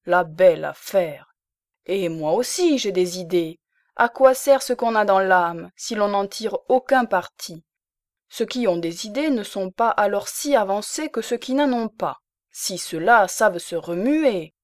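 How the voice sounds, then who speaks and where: A woman's voice: mid-range voice, animated, a little slow, no room sound, clean studio sound, lightly acted. A woman voicing a fierce, domineering old peasant spinster in an audiobook, with vehement, scolding delivery. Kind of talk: audiobook character reading.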